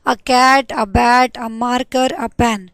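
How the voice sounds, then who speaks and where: Repetitive, high-voiced woman teacher. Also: flat delivery, fairly bright tone, clear, resonant tone, no echo. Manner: repetitive, asks and answers own questions, spells letters slowly. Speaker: English grammar teacher. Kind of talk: classroom lesson for exam students.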